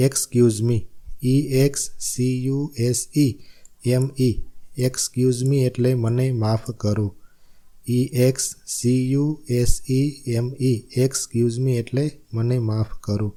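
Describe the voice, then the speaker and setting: A man with a Gujarati accent teaches a spelling lesson with a very dark, mellow voice. He spells each word out letter by letter and repeats the meaning in a steady classroom rhythm. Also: mid-range voice. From Gujarat, India.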